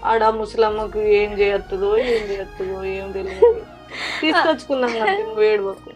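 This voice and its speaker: A woman's voice: medium pitch, expressive, a little fast, over music, close to an everyday voice. A woman playing a reassuring pregnant daughter. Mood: soothing. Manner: soothing, reassuring. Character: pregnant young daughter comforting her parents.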